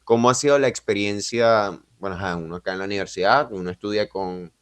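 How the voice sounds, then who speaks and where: A man's voice: fairly low pitch, fast, clean tone, dry recording. A Venezuelan man hosting a podcast interview, talking in a reflective, chatty way with some self-deprecating humor. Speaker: podcast host. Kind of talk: casual interview chat.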